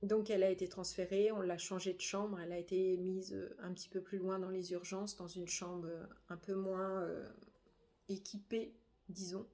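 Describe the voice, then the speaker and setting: A middle-aged woman giving a grieving personal testimony, halting and subdued, with frequent hesitations. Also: mid-range voice, level tone, dark tone. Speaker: bereaved daughter.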